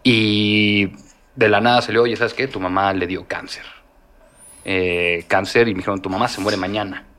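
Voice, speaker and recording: A Mexican man with a fairly low voice, talking through a personal story in a relaxed, reflective way. He hesitates often and fills the pauses with small sounds as he gathers his thoughts. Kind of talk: casual chat.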